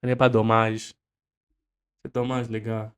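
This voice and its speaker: A man's voice: lowish voice, flat delivery, a little slow, smooth. Impassioned man. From Benin. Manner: impassioned, repetitive, rhetorical questions. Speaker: video commentator. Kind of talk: political commentary monologue.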